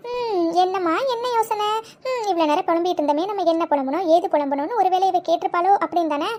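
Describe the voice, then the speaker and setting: A woman voicing a sharp-tongued young female friend in a cartoon serial who teases relentlessly. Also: extremely high pitch. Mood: teasing. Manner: mocking, quick teasing retorts.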